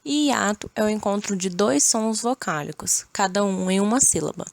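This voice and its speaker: A woman teaching spelling rules, reading definitions and example words in a slow, steady way. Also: mid-range voice, gravelly, no echo.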